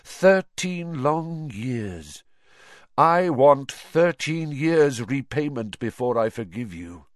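A male reader voices a menacing dark wizard lord from a storybook, speaking very slowly and theatrically in a sing-song way with big swoops in pitch. His cold, deliberate disdain sounds stern and unforgiving. The audio is close and dry, with no echo.

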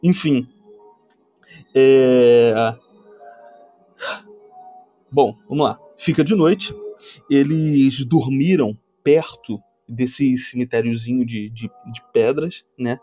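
A livestream host with a Brazilian Portuguese accent recaps a movie for comedic effect, speaking slowly in a mid-range voice with frequent pauses. He rambles sarcastically, mocks the characters and uses lots of slang; highs are cut off and faint music plays behind.

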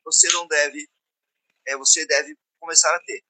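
Bright, dry-sounding man teaching. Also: a little high, steady tone, normal speed, no echo, rough recording. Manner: earnest, instructive, tags phrases with "né". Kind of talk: casual teaching talk on prayer.

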